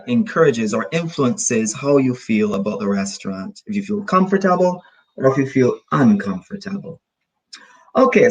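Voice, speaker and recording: Lively man teaching English online. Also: fairly high pitch, slightly rough, low-quality recording. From Barbados. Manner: explains slowly with many repetitions and synonyms.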